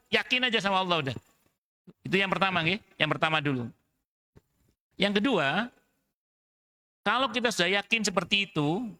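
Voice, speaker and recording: Male preacher, fairly high and gravelly, folksy and lively, mosque talk. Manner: lively, folksy, mixes in Javanese phrases. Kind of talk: religious study talk.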